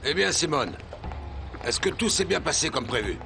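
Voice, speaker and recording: An actor voicing a smug, sly villain checking on a scheme, in dubbed telenovela acting. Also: male voice, a little high, very animated, moderate pace, vocal fry, sharp tone, a little hiss or hum, exaggerated voice.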